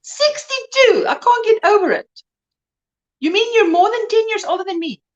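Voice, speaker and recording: A woman's voice: extremely high pitch, animated, normal speed, muffled recording. A woman in her early fifties hosting a live crochet chat. She talks casually, reads and answers viewers' comments, and laughs often. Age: 50s.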